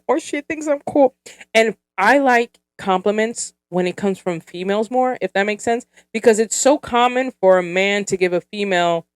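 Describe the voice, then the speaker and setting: Chatty woman podcaster, smooth dry voice. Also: medium pitch, dry recording. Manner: chatty, giggly, lots of fillers. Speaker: podcast host. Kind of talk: casual solo podcast chat.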